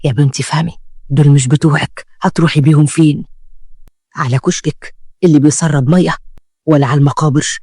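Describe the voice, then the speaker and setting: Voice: medium pitch, steady tone, a little fast, pauses often, warm tone, slightly rough, no echo, clean studio sound. A storyteller with an Egyptian accent voicing a stern older man who scolds a young woman. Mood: scolding. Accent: Egyptian Arabic.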